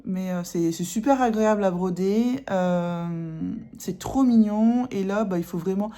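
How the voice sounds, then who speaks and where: A woman's voice: medium pitch, measured pace, warm tone. A middle-aged woman from France chatting casually at home about her cross-stitch projects, rambling with many fillers and self-corrections. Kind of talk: casual chat showing embroidery.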